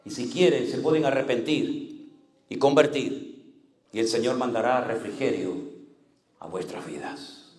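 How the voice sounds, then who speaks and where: A male pastor with a Canary Islands Spanish accent, preaching a sermon with dramatic swings between loud cries and hushed low tones. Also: a little slow, long pauses, reverberant.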